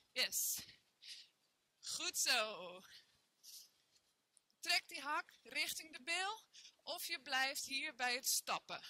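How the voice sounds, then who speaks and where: Counting reps and cheering on her students, a young woman leads and joins in a workout class in a bare room indoors. Her sharp voice sits high, and there's no room sound.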